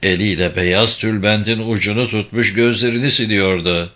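A man narrating a story in a measured, expressive reading. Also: lowish voice.

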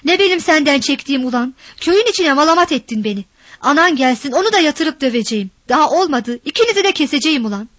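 A woman voicing a harsh, violent village father who shouts, curses and threatens. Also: sits high, animated, quick pace, no room sound. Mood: raging.

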